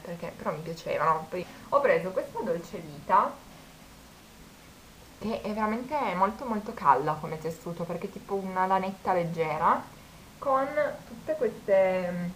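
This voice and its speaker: Woman in her twenties, casual chat, slightly low pitch. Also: slight background noise, low-quality recording. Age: 20s. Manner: chatty storytelling, quoting people. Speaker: vlogger.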